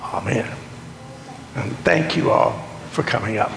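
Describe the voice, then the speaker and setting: A man preaching as a pastor in a strangled, choked-up, congested voice, hoarse from a sinus infection, with a deliberate, folksy delivery. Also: medium pitch, lively intonation, background noise. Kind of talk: sermon, children's talk and scripture reading. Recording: long echo of a large hall.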